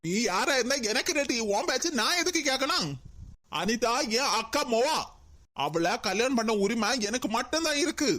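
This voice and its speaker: Cartoon villain: woman doing a bullying, hot-headed uncle with a Kanyakumari accent, pitched high, menacing and mocking. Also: expressive, moderate pace, fairly bright tone. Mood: taunting. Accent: Kanyakumari Tamil. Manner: bullying, taunting, threatening. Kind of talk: cartoon voice acting.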